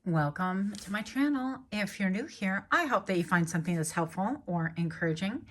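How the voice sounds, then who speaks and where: A woman's voice: mid-range voice, animated, normal speed, soft background music. A woman doing a casual tarot reading to camera, chatty and rambling, correcting herself and laughing lightly as she goes. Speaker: tarot reader.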